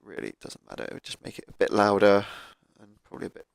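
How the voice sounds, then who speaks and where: A man with a croaky voice from a cold, casually talking through car tuning as he plays a game on a cheap microphone. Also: on the low side, big pitch swings, quick pace, dry recording, studio quality. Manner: thinking aloud, laid-back, with fillers. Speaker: gaming YouTuber. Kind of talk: casual gameplay commentary.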